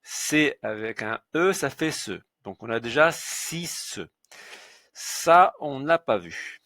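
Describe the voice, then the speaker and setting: A man teaching French pronunciation in a slow instructional lesson, patiently spelling out sounds letter by letter. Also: medium pitch, animated, a bit bright, no room sound, studio quality.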